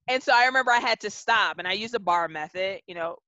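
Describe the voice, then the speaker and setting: A woman guest on a podcast, telling a story from her work in a measured, reflective way and slowing down to stress her points. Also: medium pitch, sharp tone, dry recording. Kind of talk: conversational interview storytelling. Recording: dull, dry lo-fi podcast audio.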